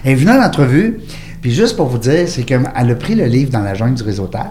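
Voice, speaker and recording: A man's voice: medium pitch, quick pace, a little hiss or hum. A man with a Québécois French accent hosting a radio talk show, jovial and joking as he tells anecdotes. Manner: jovial, joking, animated storyteller. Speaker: radio host.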